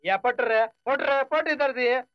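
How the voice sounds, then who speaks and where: An actor playing a male film director who flatters the star and hurries to please him. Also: extremely high pitch, slow, clear, resonant tone, highs cut off. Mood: fawning.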